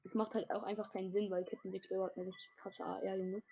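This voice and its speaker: A young woman chatting casually while playing a video game with a friend, excitable and trash-talking in slang. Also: mid-range voice, quick pace, creaky, slight background noise. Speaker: gamer. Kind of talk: casual gaming chat.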